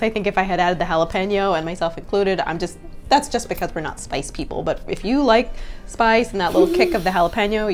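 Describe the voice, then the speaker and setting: A woman chef giving a casual cooking demonstration in her home kitchen, chatty and upbeat, explaining each step. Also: medium pitch. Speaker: chef and recipe reviewer.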